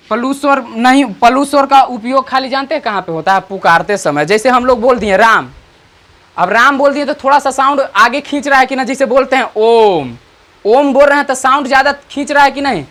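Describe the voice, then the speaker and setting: An online teacher, explaining grammar slowly and repeatedly checking understanding with rhetorical questions. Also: high-pitched, a bit bright. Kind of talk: grammar lesson.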